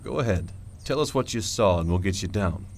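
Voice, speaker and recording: A man playing a calm, decisive space-adventure hero and storyteller in an audio drama, measured and matter-of-fact. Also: low voice. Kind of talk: scripted narration and audio drama acting.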